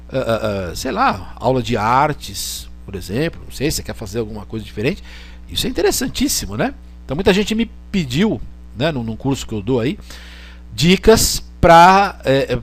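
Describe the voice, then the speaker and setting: Lively chatty Brazilian male teacher. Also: a little high. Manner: chatty, joking, lots of "né?" and "tá?" check-ins. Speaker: teacher giving an online lecture. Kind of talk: casual lecture with screen demo.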